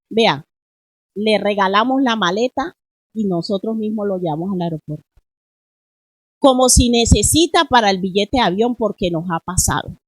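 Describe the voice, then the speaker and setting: A woman's voice: a little high, dry recording, low-quality recording. A middle-aged woman pastor preaching a sermon in church, asking the congregation question after question. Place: church in Spain.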